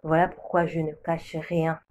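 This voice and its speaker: A woman from the Democratic Republic of the Congo gives a prophetic religious testimony, solemnly repeating her declarations as a preacher. Her low, darkish voice is monotone and a little slow, with a bit of hiss or hum in the recording.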